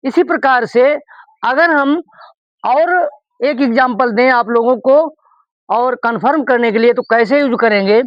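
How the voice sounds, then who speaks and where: Man teaching English, slow, deliberate delivery, dry, dull lo-fi sound. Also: extremely high pitch, no echo. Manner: explains in Hindi, reads English examples slowly and deliberately. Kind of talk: classroom lesson on pronunciation.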